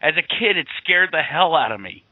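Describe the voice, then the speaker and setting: A man's voice: on the high side, very animated, a little fast, no echo. A man co-hosting a radio talk show, chatting casually and laughing easily. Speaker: co-host. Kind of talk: casual chat. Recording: tinny phone-like line, dry.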